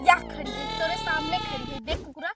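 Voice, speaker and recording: A woman's voice: sits high, wildly swooping pitch, fairly quick, distant mic, loud music behind the voice. A woman with an Awadhi accent, defiantly arguing as a wife in a rustic village comedy sketch. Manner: quarrelsome, defiant.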